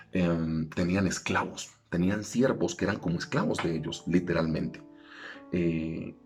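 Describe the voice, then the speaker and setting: A low-voiced man preaches a church teaching in a chatty, conversational manner. He breaks into sharp emphatic rises now and then, and a faint guitar plays softly behind him. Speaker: pastor. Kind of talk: sermon.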